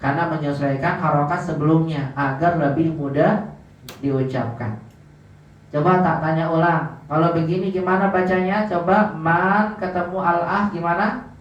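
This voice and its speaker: Male grammar teacher, slightly high voice, slow drawn-out examples, quizzes the class, far from the mic. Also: fairly even intonation. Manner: asks the class questions and answers them himself. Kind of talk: classroom lesson. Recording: echoey, dull, from far off.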